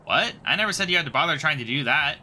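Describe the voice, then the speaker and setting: A man's voice: fairly high pitch, animated, fast talker, pushed and bright, soft background music. A man voicing a rude, greedy male pirate in a game playthrough, sneering and insulting. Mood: scornful.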